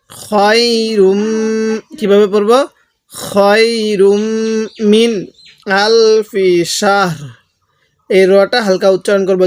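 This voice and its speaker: A man with a Bangladeshi Bengali accent gives a recitation lesson, his voice smooth and resonant. He draws each chanted word out slowly, then talks through the pronunciation rules at an unhurried teaching pace. The sound is close and dry. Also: sits high, no room sound. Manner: alternates drawn-out melodic recitation with brisk spoken instruction. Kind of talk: tajweed lesson, slow chanted recitation between quick explanations.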